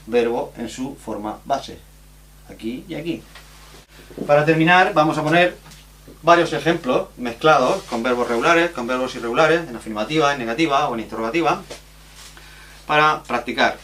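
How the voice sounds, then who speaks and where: A man from teaching a recorded grammar lesson, explaining rules slowly and spelling out letters and examples. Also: medium pitch, fairly bright tone, slight background noise.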